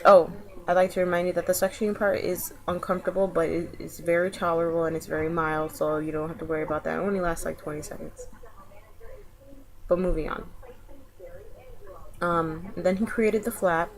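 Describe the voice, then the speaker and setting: A woman's voice: on the low side, low-quality recording. A woman vlogger casually recounting an experience in a laid-back, colloquial way, often trailing off.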